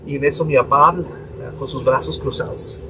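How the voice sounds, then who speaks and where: A man's voice: medium pitch, fast talker, gravelly. A young adult priest tells a personal story on a podcast, acting out his parents' voices as he goes. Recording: distant mic with steady room noise.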